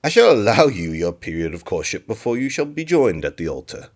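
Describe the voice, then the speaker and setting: A man's voice: fairly low pitch, very animated. A man playing a stern, imperious king. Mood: condescending. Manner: commanding, measured royal decrees. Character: stern imperious middle-aged king and father. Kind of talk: audio drama acting.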